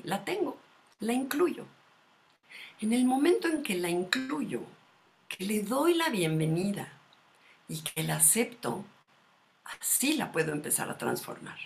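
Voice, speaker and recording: A woman, speaking as a guest expert in a calm, measured, explanatory conversation and asking her listeners questions. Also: medium pitch, gravelly, slight background noise.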